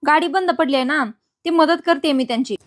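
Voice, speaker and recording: A woman's voice: sits high, a little fast, close to an everyday voice. A woman voicing a blind young woman who teaches physics, plain and matter-of-fact.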